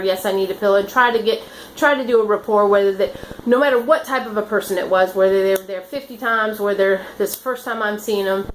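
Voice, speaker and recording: A woman's voice: mid-range voice, slight background noise, low-quality recording. A woman who works as a nurse, telling her stories in a rambling, earnest way with many restarts. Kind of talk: casual storytelling.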